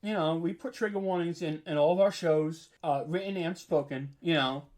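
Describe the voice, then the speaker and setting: Sprinkling "like" and "you know" throughout, this interview guest, a male horror audio drama writer, talks candidly and casually. His slightly high, a little mellow voice moves at normal speed.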